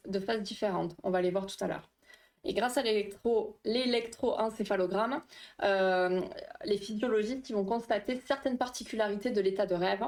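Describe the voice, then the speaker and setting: A woman hosting a casual livestream, explaining dream science with a quiz, chatty and laughing often while reading chat aloud. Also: a little high. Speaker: livestream host.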